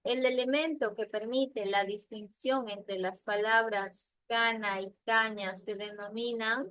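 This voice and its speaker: A woman teacher leading an online class, patiently asking questions and repeating answers slowly over a video call. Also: on the high side, steady tone, fairly bright tone, no echo, rough recording.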